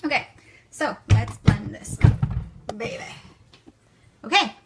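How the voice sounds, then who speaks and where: A French-accented woman in her thirties demonstrates a smoothie recipe in a casual kitchen vlog, chatting to viewers and adding "okay?" and "guys" after nearly every line. Her slightly high, creaky voice is animated but slow, and the home recording is noisy.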